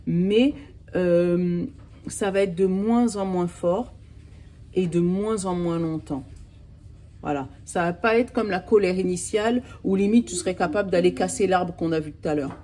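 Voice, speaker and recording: Mellow low-voiced woman reading tarot cards. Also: a little slow, a little hiss or hum. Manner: chatty, reassuring, talks straight to the listener. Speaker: tarot card reader. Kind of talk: casual spoken card reading to viewers.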